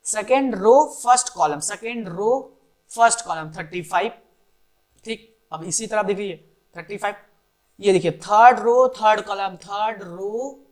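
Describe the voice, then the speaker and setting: Woman, maths teacher, exam revision lesson, counts aloud, asks and answers herself, average pitch. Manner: counts rows and columns aloud, asks and answers her own questions.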